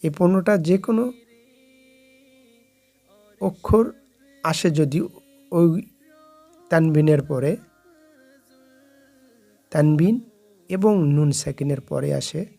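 Male recitation teacher, slow gravelly delivery, soft music bed. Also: a little high. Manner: slow, drawn-out recitation of Arabic examples. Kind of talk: slow explanatory lesson with slides.

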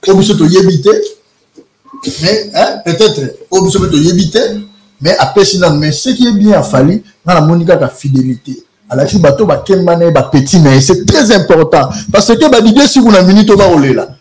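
A man's voice: high voice, animated, normal speed, a little mellow. A man in a heated debate, rambling as he mixes French and Lingala phrases. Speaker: guest.

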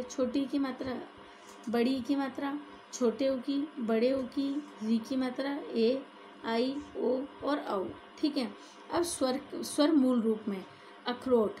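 A woman teaching a classroom grammar lesson, going through each point step by step and pausing to check in with her listeners. Her voice sits a little high but sounds soft and mellow. A faint hiss runs under the recording. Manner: explaining step by step, often adding "ठीक है".

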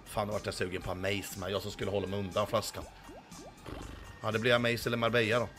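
Swearing, hoarse man chatting on a stream. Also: lowish voice, level tone, a bit bright, soft background music. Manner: crude, swearing, boastful banter. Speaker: livestreamer. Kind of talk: casual livestream chat, reading chat.

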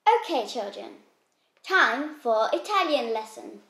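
A woman acting as a patient teacher in a playful classroom skit for children, speaking clearly with mock-strict moments. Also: sits high, sing-song, a little slow, fairly bright tone. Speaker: co-host playing a teacher. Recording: roomy echo.

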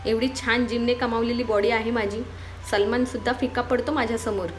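A woman's voice: fairly high pitch, little pitch movement, fairly quick, slight background noise, lightly acted. Woman reading a cocky young man, teasing, light storybook voice. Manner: boastful, teasing. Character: playful young man teasing his sister.

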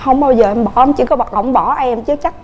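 A woman with a Southern Vietnamese accent, a guest on a TV couples show, telling her family story quickly and earnestly in a studio. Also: a little high, darkish tone, dull audio, a little hiss or hum. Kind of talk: emotional personal storytelling.

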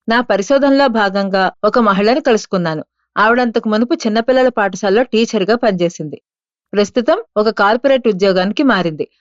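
A woman reading an audiobook aloud in a steady, measured manner. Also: medium pitch, no room sound, lo-fi sound. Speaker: audiobook narrator. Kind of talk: scripted audiobook narration.

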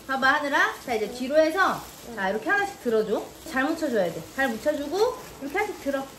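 Mom vlogger, high bright pitch, very animated, sing-song coaxing of children. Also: female voice, quick pace, slight background noise. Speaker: mother and vlog host. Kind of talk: casual instructions to children mixed with product narration.

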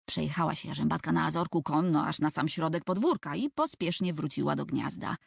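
Gravelly-voiced woman narrating a children's story. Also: deep voice, brisk, no room sound, clean studio sound. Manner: expressive storytelling. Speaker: audiobook narrator. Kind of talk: scripted narration of a children's book.

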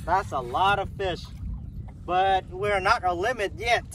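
Man, 30s, fishing vlogger, high-ish voice, chatty and repetitive, outdoors on a windy lake. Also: unhurried, bright, forceful tone, poor audio. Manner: chatty, repeats himself, points things out as he works. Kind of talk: casual play-by-play narration. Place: canoe on an open lake, outdoors. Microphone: camera mounted on the canoe, a few feet away. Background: wind and lapping water.

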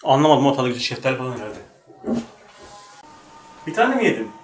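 A man in his thirties hosts a quiz show from a table in a small studio, bantering, teasing and exclaiming in a medium-pitched, brisk voice with big swings in pitch. Soft music plays behind him, and the shared table mic gives a roomy, distant sound with faint noise.

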